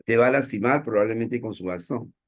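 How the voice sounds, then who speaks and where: A male teacher lectures his class in a playful, self-mocking way. His voice sits at an ordinary middle pitch, and he keeps stopping to check that the students are following. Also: brisk.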